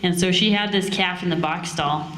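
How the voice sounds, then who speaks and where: A woman's voice: on the low side, fairly even intonation, moderate pace, a bit bright, slight background noise. A woman telling stories casually on stage in a folksy, chatty cowboy drawl. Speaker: cowgirl singer and storyteller performing at a cowboy poetry gathering. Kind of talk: casual stage storytelling and folk singing. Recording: roomy live event sound.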